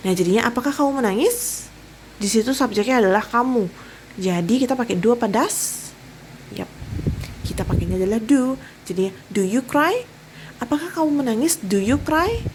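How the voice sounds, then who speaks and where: A woman's voice: mid-range voice, slight background noise, low-quality recording. A young woman with an Indonesian accent, an English teacher explaining grammar step by step in a recorded online lesson, mixing in English phrases and answering her own questions.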